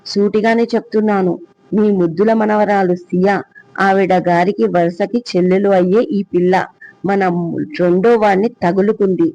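A man voicing a loud, accusing middle-aged aunt in an audio story, shouting and mocking. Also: mid-range voice, fairly even intonation, normal speed, no echo, lightly acted, poor audio. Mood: shrill accusing.

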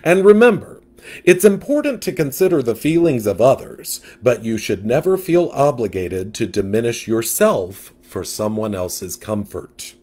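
A man's voice: mid-range voice, lively intonation, measured pace, darkish tone. A man voicing a sassy, gossipy male catfish who dramatically gives life advice in a storybook. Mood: sassy advising.

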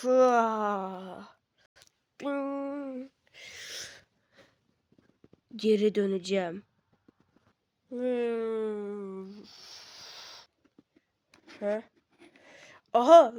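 A woman's voice: a little high, drawn-out words, pauses often, mellow. A woman giving playful game commentary, making sound effects and talking to the figures on screen. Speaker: gamer.

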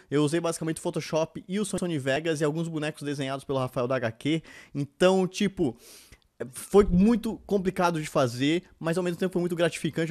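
A young Brazilian man with a fairly high voice chats casually to his viewers. He speaks as a YouTuber close on a desk mic, with faint music. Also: a little mellow. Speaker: YouTuber and streamer. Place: small furnished room. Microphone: close desk microphone.

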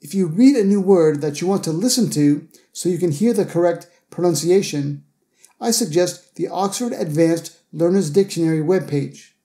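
Mellow man teaching English pronunciation. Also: fairly high pitch. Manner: slow, careful enunciation of example words. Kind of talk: scripted pronunciation lesson.

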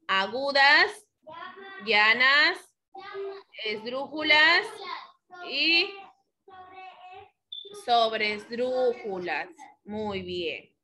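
A woman teacher with a Peruvian Spanish accent, teaching a classroom lesson slowly and patiently, asking the class questions. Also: high voice, expressive, pushed and bright, slight background noise.

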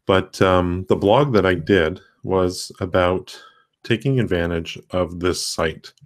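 Man, very low voice, casual livestream chat, halting with fillers and restarts. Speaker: host of a tutorial livestream. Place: home desk with a laptop.

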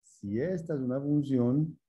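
A man's voice: medium pitch, measured pace, warm tone. A man teaching a programming class, explaining patiently and repeating himself, checking in with students while he types code live. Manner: patient, repetitive explaining with rhetorical check-ins; addresses students formally, thinks aloud while typing. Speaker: programming lecturer. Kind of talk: lecture with live coding.

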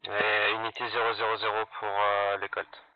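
A man making halting radio calls as a flight lead pilot over a cockpit headset, with many fillers. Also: fairly low pitch, completely flat delivery, a little hiss or hum. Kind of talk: radio calls to air traffic control. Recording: muffled radio headset line.

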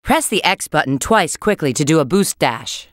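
A woman's voice: deep voice, sing-song, moderate pace, dry recording, clean studio sound. A woman voicing a confident, sly adult female bat treasure hunter in a video game, coaching with a cool, knowing tone. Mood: instructing. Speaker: game character giving hints. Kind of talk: game voice acting.

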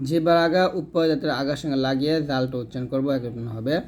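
A man teaching Quran reading, slowly spelling out letters and repeating each sound several times. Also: medium pitch, darkish tone. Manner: checks in with the listener now and then. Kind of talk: recitation lesson, spelling out letters.

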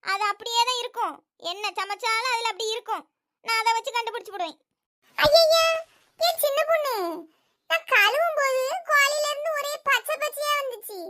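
A bossy village woman with a Thoothukudi Tamil accent, played by a woman, in a comedy sketch, her voice sitting extremely high. The tone is sharp and bright, and she haggles and scolds in quick village banter. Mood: questioning. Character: shrill bossy village woman demanding payment for a stolen hen.

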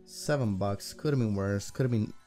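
A man's voice: fairly low pitch, normal speed, mellow. Slangy male slots streamer over music. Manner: profane, slangy bro talk. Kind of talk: casual gambling commentary to viewers. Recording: music behind the voice.

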